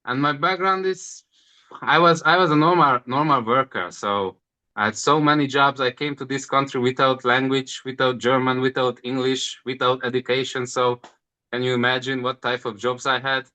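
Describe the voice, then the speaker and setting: Man, 30s, bright voice, halting second-language English. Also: medium pitch, fairly even intonation. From Hungary. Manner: halting non-native English, repeats words. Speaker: interview guest. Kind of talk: casual interview answers.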